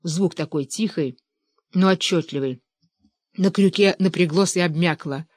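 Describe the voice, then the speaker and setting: Steady audiobook storyteller, dry close sound. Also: medium pitch, unhurried, no room sound. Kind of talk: audiobook narration.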